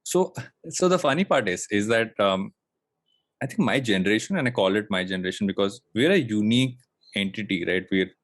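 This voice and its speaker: Fairly low in pitch yet animated, an Indian man in his late thirties speaks briskly as a guest on a podcast. His casual interview talk is reflective and meandering, peppered with fillers and false starts, with no echo on the audio.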